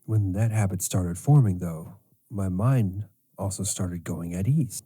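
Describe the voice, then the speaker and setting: A middle-aged man hosting a podcast as a sleep coach, speaking in a slow, measured way. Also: low voice, warm tone, breathy edge. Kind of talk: scripted podcast monologue.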